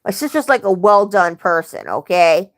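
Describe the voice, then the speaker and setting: With a lowish voice, lively intonation and normal speed, a young livestream host chats casually about her family. Her stories ramble, and she keeps correcting herself along the way.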